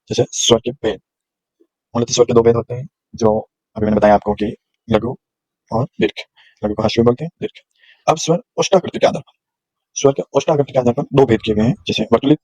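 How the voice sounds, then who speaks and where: A man's voice: medium pitch, a little mellow, poor audio. A male teacher giving a grammar lesson, explaining patiently and sounding out letters one at a time. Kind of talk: classroom lecture on grammar.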